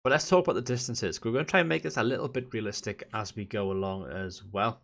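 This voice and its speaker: A man's voice: medium pitch, quick pace, gravelly, fairly bright tone. A man from south Wales with a Valleys accent, giving casual, chatty commentary as host of a gaming vlog. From Merthyr Tydfil, south Wales. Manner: informal, chatty explaining.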